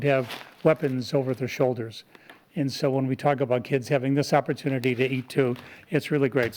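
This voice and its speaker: In a town board meeting room, a Rotary club member gives an earnest, explanatory presentation as a community volunteer. His voice is a little high and a little mellow.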